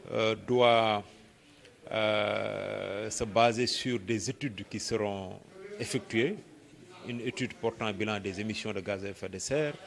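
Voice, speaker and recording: Speaking with a Senegalese accent, a man in a fairly low but bright voice answers an interview question as a project coordinator. His explanation is deliberate, with frequent hesitations and repeated words.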